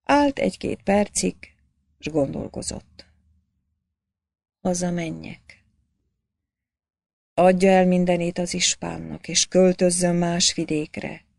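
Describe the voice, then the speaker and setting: Low gravelly woman narrating an audiobook. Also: pauses often, darkish tone, no echo, clean studio sound.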